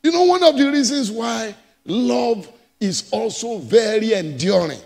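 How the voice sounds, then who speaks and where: High, lively preacher in a hall. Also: male voice, a little slow, creaky, soft background music. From Nigeria. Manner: emphatic preaching with repetitions and swings between loud and soft. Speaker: pastor. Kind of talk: sermon. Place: church.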